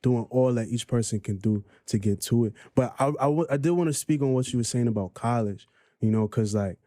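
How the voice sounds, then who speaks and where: Quick mellow-voiced man from Trinidad. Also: mid-range voice, no room sound, clean studio sound. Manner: quick, reflective, many fillers and slang. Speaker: guest, music group member. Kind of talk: casual podcast conversation.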